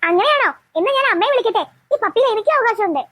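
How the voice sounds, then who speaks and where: A woman's voice: very high voice, expressive, rapid-fire, a bit bright, dry recording, studio quality. A woman voicing a stubborn, whiny little sister in a cartoon. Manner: pleading, stubborn. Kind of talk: cartoon voice acting.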